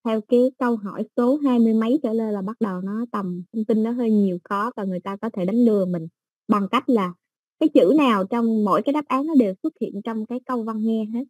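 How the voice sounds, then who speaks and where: Woman teaching English, mellow and dry. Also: on the high side, no room sound, low-quality recording. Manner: explains slowly with everyday examples, many fillers. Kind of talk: exam-prep lesson.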